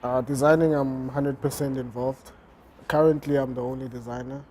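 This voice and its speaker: Man, flat and mellow. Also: medium pitch, moderate pace, slight background noise. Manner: hesitant, many fillers and restarts. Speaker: fashion designer, interview guest. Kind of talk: casual interview answers.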